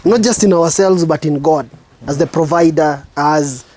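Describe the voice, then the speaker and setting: A man with a Kenyan accent, a spoken word artist hosting his show, giving a preachy, reflective monologue with slow, emphatic stresses. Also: fairly high pitch, a little mellow, slight background noise.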